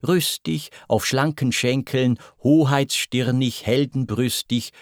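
Slow solemn male verse narrator. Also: lowish voice, no room sound, clean studio sound. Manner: solemn, deliberate storytelling. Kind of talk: verse poem recitation.

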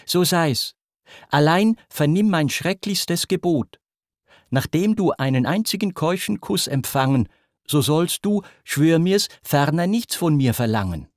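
A man's voice: fairly high pitch, animated, slow pace, dry recording, studio quality. A man voicing a young woman from myth, coy and pleading in a raised, imploring voice. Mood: anxious. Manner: raised, imploring, sighing delivery.

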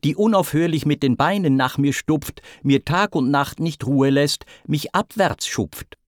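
A complaining brook god , as a man puts him on pleads his case in a plaintive, aggrieved voice pitched above the reader's own. The delivery is slow and lilting, heard dry and close. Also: no echo, lightly acted. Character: put-upon male brook god, complaining servant.

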